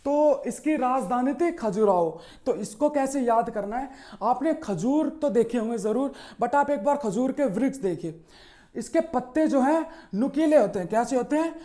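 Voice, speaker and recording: A man's voice: very high voice, lively intonation, normal speed, dark tone. A male history teacher explaining memory tricks, asking rhetorical questions and answering them himself, with "okay" after nearly every point.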